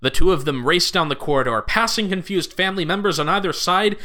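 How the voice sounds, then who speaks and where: Male narrator for audio drama, high-ish, bright and animated delivery. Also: brisk. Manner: lively, expressive storytelling.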